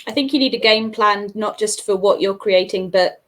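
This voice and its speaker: A woman's voice: mid-range voice, moderate pace, fairly bright tone. A woman giving thoughtful advice in a casual group video chat.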